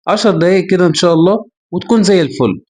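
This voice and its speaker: A man voicing a calm, reassuring middle-aged doctor with an Egyptian accent in a storybook tale. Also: high voice, racing, pitched above the performer's own voice, lightly acted. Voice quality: soothing.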